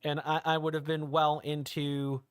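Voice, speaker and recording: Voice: mid-range voice, little pitch movement, moderate pace, clear, resonant tone, no echo, studio quality. A streamer in their thirties from the United States, chatting casually while playing a game and rambling, correcting themselves and musing aloud. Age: 30s. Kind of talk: casual let's-play chat.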